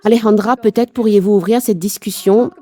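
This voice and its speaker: A woman hosting a panel conversation, speaking in a measured, earnest way. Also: mid-range voice, fairly even intonation, mellow. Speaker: host. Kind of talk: scripted introduction and moderating.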